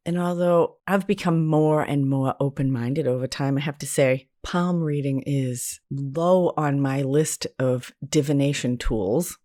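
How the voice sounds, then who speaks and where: A therapist and spiritual teacher from New England hosts her own podcast, chatting in a candid, self-deprecating, informal way. The American woman's voice is deep and a little mellow.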